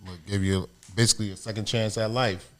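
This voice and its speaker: A man hosting a casual couch interview, relaxed and blunt, joking and cursing freely. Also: on the low side, a little fast. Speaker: host.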